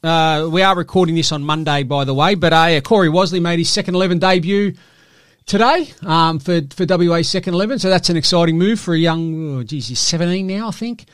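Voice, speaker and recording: A man's voice: fairly high pitch, brisk, clean tone, dry recording, clean studio sound. An Australian man hosting a podcast in a casual, matey and teasing way, chatting about sport. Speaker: podcast host.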